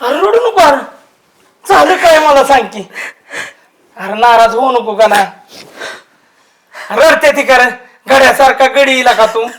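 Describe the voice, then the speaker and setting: Older man with a high voice in a roomy space, a coaxing, scolding elder in a comedy sketch. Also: unhurried, long pauses, fairly bright tone. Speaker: elder relative. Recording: roomy echo.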